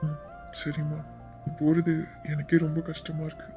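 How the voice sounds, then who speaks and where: A man voicing a kind, calm middle-aged father in an animated web series, gentle and fatherly. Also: a little high, measured pace, music in the background, lightly acted. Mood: emotional.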